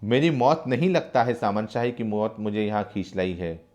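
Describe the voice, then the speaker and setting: A man voicing a defiant young prisoner who is tortured and cries out in high, strained pain. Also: lively intonation, moderate pace, a little mellow, close to an everyday voice. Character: prisoned young male freedom fighter, defiant then tortured.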